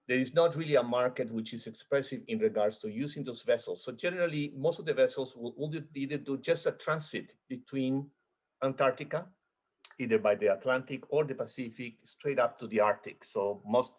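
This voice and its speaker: A man from Chile speaking as a guest on a video-call webinar panel, often repeating words as he searches for what to say. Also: medium pitch. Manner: halting, repeats words while searching for phrasing. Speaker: panel guest, expedition cruise guide.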